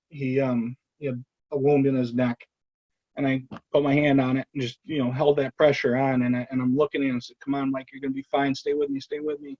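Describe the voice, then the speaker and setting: A man, a former police officer, recounting a deadly encounter in a podcast interview, pausing and repeating himself, raising his voice when he quotes what others yelled. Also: mid-range voice, no echo, lo-fi sound. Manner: halting, repeats words, many pauses and ums; quotes shouted commands in a raised voice. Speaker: retired police officer telling his story. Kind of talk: personal account in a podcast interview.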